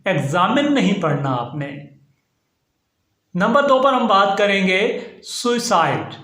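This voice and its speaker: A man teaching English pronunciation, slowly repeating each word with careful stress. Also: high-pitched, very animated, bright, forceful tone, roomy sound. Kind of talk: explanatory lesson.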